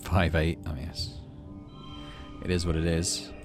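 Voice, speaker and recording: Over music, a middle-aged gaming video host speaks slowly and flatly in a low voice. He offers casual let's play commentary and narrates the story, thinking aloud as he plays.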